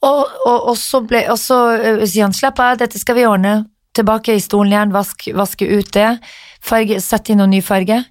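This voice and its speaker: A woman telling a story in casual chat, animated, acting out the people she quotes and swearing freely. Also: mid-range voice, no room sound, studio quality.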